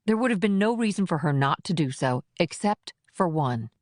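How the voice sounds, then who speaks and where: A woman's voice: lowish voice, expressive, moderate pace, a little mellow, no room sound, clean studio sound, close to an everyday voice. A woman voicing a tough, blunt female federal agent in an audiobook, with clipped, defensive delivery. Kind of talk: audiobook character reading.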